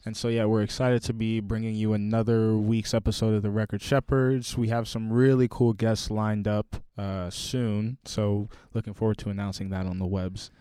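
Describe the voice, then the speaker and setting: A man's voice: lowish voice, flat delivery, moderate pace, few pauses, dark tone, clean tone, no room sound, clean studio sound. A man co-hosting a podcast in casual chat, playful and jokey. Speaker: podcast co-host. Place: small podcast studio.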